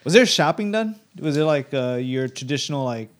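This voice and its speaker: A man's voice: fairly high pitch, animated, a little fast. A man co-hosting a casual chat, teasing and asking questions full of filler words. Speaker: podcast co-host.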